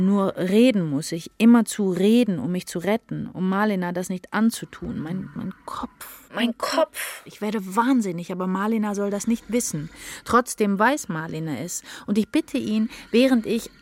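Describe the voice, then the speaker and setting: A woman narrating in the first person in a dramatic literary reading, intense and halting. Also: mid-range voice, darkish tone.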